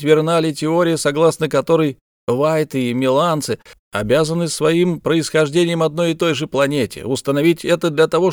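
Man reading as a calm alien captain, persuasive reasoning, dry audiobook sound. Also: a little high, clear, resonant tone, no echo, lightly acted.

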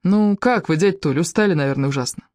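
A woman voicing a feverish young woman, soft and affectionate. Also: on the low side, fast talker, dry recording, clean studio sound, natural voice. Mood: insistent.

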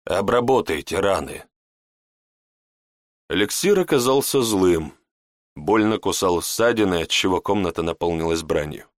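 A man's voice: low-pitched, expressive, normal speed, no room sound, studio quality. A man narrating a fantasy audiobook in the first person, in a terse storytelling manner.

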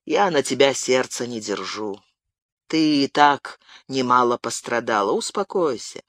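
A man's voice: medium pitch, expressive, unhurried, no echo, clean studio sound. A man playing a stern, angry townsman. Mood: stern, calmer. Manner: stern, clipped and forceful. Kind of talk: audiobook character voice.

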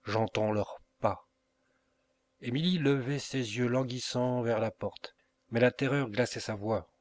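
A man narrating a novel as an audiobook reader, measured and unhurried with pauses. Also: medium pitch.

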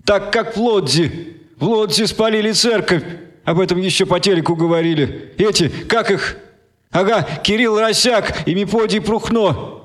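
A man reading an audiobook, voicing a chatty, naive young woman in a high, eager voice. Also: moderate pace, lightly acted.

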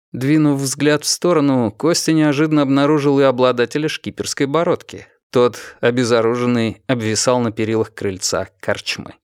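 A man reading an action novel as audiobook narration, in a steady, expressive way. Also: medium pitch, no room sound, studio quality.

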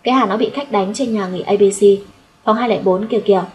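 A woman's voice: mid-range voice, brisk, slight background noise, natural voice, low-quality recording. A woman reading as a bossy scolding older sister. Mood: impatient. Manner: scolding, commanding.

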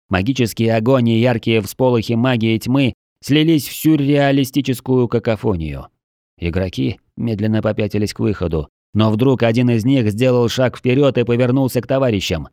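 A man reading a fantasy audiobook aloud in a measured storytelling manner, close to the mic. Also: mid-range voice, warm tone, no room sound. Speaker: audiobook narrator. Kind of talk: scripted narration.

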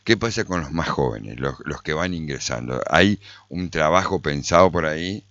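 A very deep-voiced man with an Argentine accent hosting a radio interview. He asks long, meandering questions and fills pauses with soft murmurs of agreement. The sound is dull and lo-fi, dry with no room echo. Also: lively intonation. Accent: Argentine Spanish. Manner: frequent murmured backchannels, rambling questions. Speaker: radio host.

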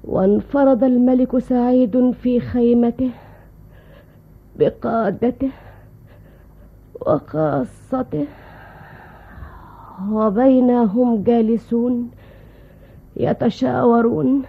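A husky-voiced woman narrating a story in measured rhymed prose. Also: on the high side, steady tone. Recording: thin, phone-like old recording.

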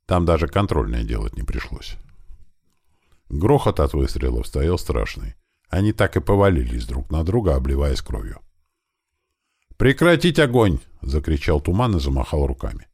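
A man reading a first-person audiobook in a plain, steady storytelling manner. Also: extremely low pitch, normal speed, vocal fry, husky, dry recording, clean studio sound. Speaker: audiobook reader.

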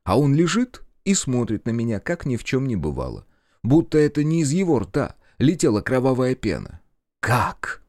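A man reading a gritty first-person audiobook, narrating with lively delivery and voicing the dialogue, sometimes breaking into shouts. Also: medium pitch, moderate pace, no room sound, studio quality.

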